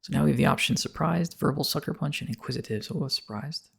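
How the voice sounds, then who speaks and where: A man's voice: on the high side, fast, vocal fry, breathy edge. A man narrating a game playthrough, reading on-screen text and dialogue choices aloud. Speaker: let's play narrator. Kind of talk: let's play commentary.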